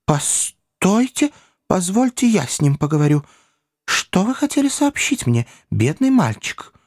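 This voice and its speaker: A man voicing a genial elderly gentleman who gets startled and flustered. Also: sits high, wildly swooping pitch, unhurried, no room sound, studio quality, pitched above the performer's own voice, heavily acted. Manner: fussy, flustered exclamations.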